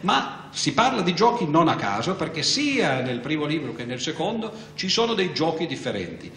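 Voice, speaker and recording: Lively man introducing on stage. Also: on the high side, moderate pace. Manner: lively, chatty with fillers. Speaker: presenter. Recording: echoey room with faint noise.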